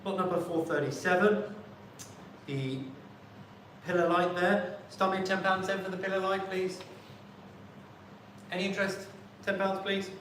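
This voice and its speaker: A man's voice: high voice, steady tone, unhurried, pauses often, fairly bright tone. A man working as an auctioneer in a live sale, politely calling lots and repeating bids in a rhythmic chant. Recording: very echoey room, distant mic, faint noise.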